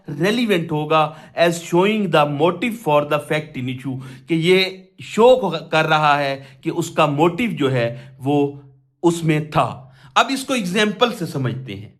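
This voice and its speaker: In a law lecture blending Urdu with English legal terminology, a Pakistani man speaks in a high-pitched, slightly bright voice. He teaches by asking questions and then answering them, and he reads out the quoted provisions slowly, piece by piece.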